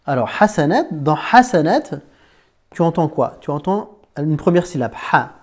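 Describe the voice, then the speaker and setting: Man, teacher, patient, informal, mellow tone, sounds out syllables slowly. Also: on the high side, sing-song. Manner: patient, informal, talks to one learner as "tu", checks understanding with "d'accord?"; slows down and stretches words to sound them out. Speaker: Arabic reading teacher. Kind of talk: Arabic reading lesson.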